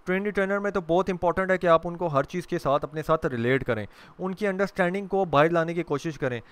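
A man's voice: fairly high pitch, smooth. A young adult man from Pakistan giving a training lecture to camera, explaining patiently with English terms mixed into his speech and occasional fillers. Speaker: corporate trainer.

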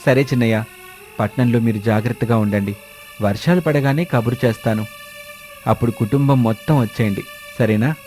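A man voicing a calm, steadfast village farmer and husband who speaks firmly and kindly in a cartoon story. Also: medium pitch, fairly quick, long pauses, soft background music, lightly acted.

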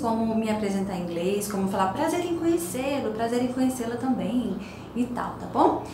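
A woman from Brazil with a Brazilian accent, teaching an English lesson. She explains patiently, repeating phrases and translating them. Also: mid-range voice. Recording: very echoey room with faint noise.

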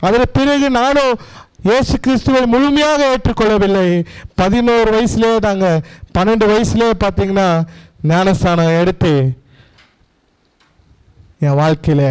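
A man with a Tamil accent preaches his own testimony in a strikingly high voice that stays smooth and resonant. He speaks earnestly and pleads with his listeners, often repeating phrases. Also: low-quality recording. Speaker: pastor. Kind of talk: personal testimony sermon.

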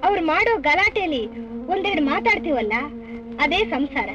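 A woman's voice: very high voice, very animated, moderate pace, noisy background. An actress playing a timid young wife and stepmother who pleads anxiously. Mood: pleading. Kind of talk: 1960s film acting. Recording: dull old film soundtrack with music.

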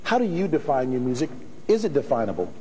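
A middle-aged man hosting a studio talk on a stage, asking his questions in a formal, measured way. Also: medium pitch, very animated, dark tone, long reverb tail, a little hiss or hum, poor audio. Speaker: host.

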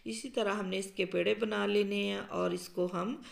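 Gravelly-voiced woman explaining a recipe. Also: mid-range voice, normal speed. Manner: calm, explanatory, with frequent um fillers. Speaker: cooking show host. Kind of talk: step-by-step cooking instructions. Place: home kitchen.

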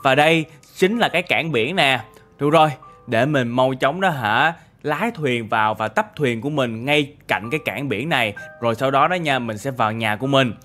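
A man's voice: medium pitch, lively intonation, moderate pace, fairly bright tone. A young man, narrating a game story in a chatty, exclaiming way. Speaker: gaming YouTuber. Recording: faint background music.

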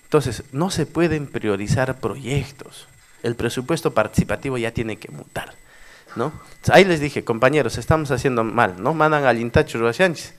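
At a moderate pace and medium pitch, a middle-aged man from Cusco, Peru, once a mayor, shares anecdotes at a conference workshop. He is an animated storyteller who frequently tags his sentences with questions.

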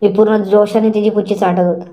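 Woman narrator for an adult story: even, flat delivery, slow, repeats words. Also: medium pitch. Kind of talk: first-person erotic story narration.

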